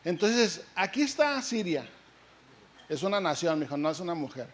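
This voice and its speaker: A male pastor preaching a lively sermon, asking the congregation questions and acting out the story. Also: fairly high pitch, moderate pace.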